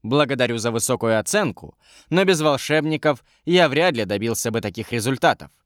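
A polite young royal adviser in an audiobook, measured and courteous, in a man's plain mid-range voice, as the narrator puts him on. His voice is lively and expressive, recorded dry and close. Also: medium pitch, no echo, lightly acted. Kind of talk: audiobook character reading.

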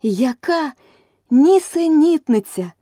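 A woman doing a high, outspoken young girl. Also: sing-song, measured pace, dark tone, breathy edge, no echo, studio quality, exaggerated voice. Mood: indignant. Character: bold, indignant young girl.

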